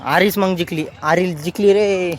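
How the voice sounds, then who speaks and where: A man's voice: sits high, fairly even intonation, normal speed, a little hiss or hum. A man, giving chatty, teasing vlog commentary outdoors. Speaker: vlogger.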